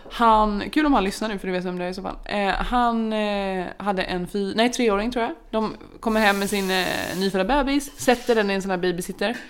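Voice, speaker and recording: She's a podcast co-host and mom in her thirties, chatting casually about her family and voicing the quotes with frequent laughter. Her clear, resonant mid-range voice flows with few pauses.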